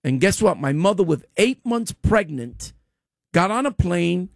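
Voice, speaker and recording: Gravelly, scolding New radio host. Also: male voice, sits high, lively intonation, a little slow, dry recording, clean studio sound. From Dominican Republic. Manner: emphatic, scolding, punchy short phrases. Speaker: radio talk show host. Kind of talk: opinionated talk radio monologue. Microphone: studio microphone.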